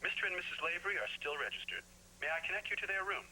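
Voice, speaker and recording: An actress playing a hotel receptionist who answers in a polite, formal way. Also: female voice, on the low side, rapid-fire, close to an everyday voice, rough recording.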